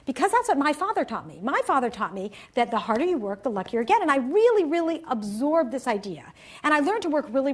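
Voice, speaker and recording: Woman, lecturer, motivational talk, high bright pitch, animated storytelling. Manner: storytelling, animated, upbeat, laughs at her own punchlines. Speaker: university lecturer.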